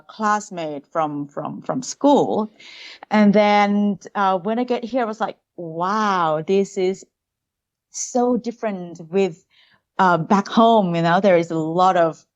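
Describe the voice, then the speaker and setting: A young woman from Thailand with a Thai accent, speaking English as a second language as a food tour guide in a casual podcast interview, pausing often to search for words. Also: medium pitch, dull audio. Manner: hesitant, searching for words, many fillers.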